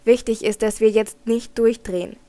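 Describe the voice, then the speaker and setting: A woman reading aloud, voicing a brave, level-headed young boy with steady, reassuring speech. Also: a little high, normal speed, natural voice. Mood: calm.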